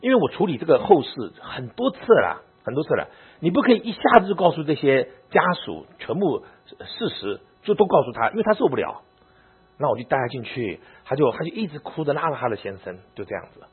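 Husky fast-talking male pastor. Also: medium pitch. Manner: animated, emotional storytelling to an audience. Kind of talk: personal story told in a sermon. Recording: narrow phone-like audio.

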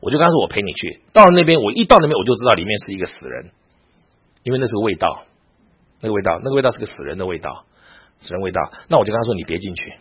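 A man's voice: on the low side, animated, racing, husky, muffled recording. A man, a pastor, lecturing a Bible class, telling stories and often asking his listeners rhetorical questions.

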